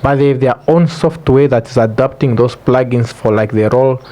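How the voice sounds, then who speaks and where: A man's voice: medium pitch, normal speed, mellow. A man with a Namibian accent speaking as a podcast guest, explaining things earnestly in casual interview talk.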